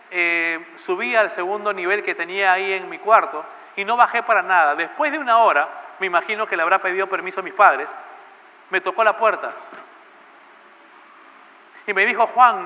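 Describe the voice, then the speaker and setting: A man's voice: sits high, normal speed, sharp tone. A male pastor telling a personal story in a sermon and putting questions to the congregation, in a church with a long echo. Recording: church hall with long reverb.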